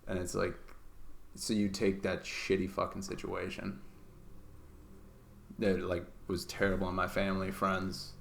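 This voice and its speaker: Deep, gravelly young man. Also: monotone, a little slow, pauses often, a little hiss or hum. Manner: swearing, filler-heavy, rambling. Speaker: podcast co-host. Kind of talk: casual chat.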